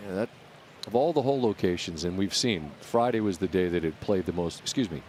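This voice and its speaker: Low-voiced male golf commentator, outdoor noise behind. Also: a little fast, a little mellow. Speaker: golf commentator, play-by-play host. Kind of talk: live golf tournament commentary.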